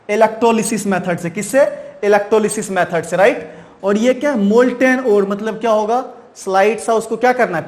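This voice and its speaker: A man teaching a science lesson, repeatedly asking his own questions and answering them, then ending points with "right". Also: very high-pitched. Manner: repeats key terms slowly, ends points with "right". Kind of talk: chalk-and-talk science lesson.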